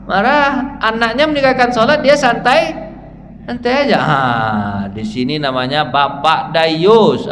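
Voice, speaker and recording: Indonesian male preacher, casual and joking, mid-high voice, faint room hum, echoing mosque. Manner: lively, quizzing the congregation, joking. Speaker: ustadz giving a dawn mosque study talk. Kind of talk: casual sermon. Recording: reverberant mosque hall, faint ambience.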